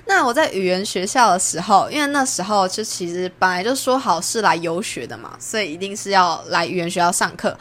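A young woman from Taiwan with a Taiwanese Mandarin accent, hosting a podcast and chatting through a personal story, jumping up in pitch when she acts out what people said. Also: expressive, fairly quick, few pauses, a bit bright. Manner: chatty, acts out quoted lines with big pitch jumps. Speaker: podcast host. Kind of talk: casual storytelling monologue.

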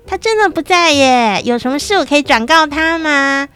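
A sly little girl answers the phone with a high, sweet voice and an overly polite calm, as a woman puts her on while telling a story. She fibs steadily and never slips. Faint music sits underneath. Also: moderate pace. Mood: falsely calm.

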